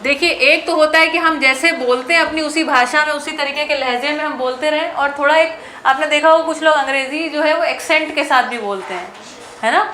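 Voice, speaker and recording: A woman teacher with an Indian accent, drilling English grammar sentences in a classroom lesson, slow and word by word. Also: high voice, pushed and bright, slight background noise.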